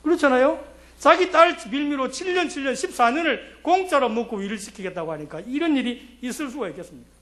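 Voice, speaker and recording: High, lively-voiced male pastor preaching. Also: fast. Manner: animated storytelling with rhetorical questions to the congregation. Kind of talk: sermon.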